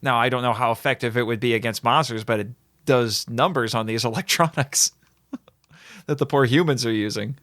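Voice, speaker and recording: A man hosts a casual podcast chat, talking eagerly in quick bursts with the odd small laugh. His voice sits at an ordinary middle pitch. The recording is dry and close to the mic. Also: a bit bright, no echo. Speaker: podcast host. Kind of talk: casual chat about films.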